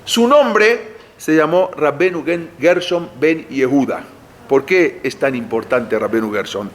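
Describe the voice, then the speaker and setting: Male lecturer, slightly raised pitch, chatty question-and-answer teaching style. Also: lively intonation, measured pace, a little hiss or hum. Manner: conversational, asks the audience rhetorical questions, frequent "eh" and restarts. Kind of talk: explanatory lecture.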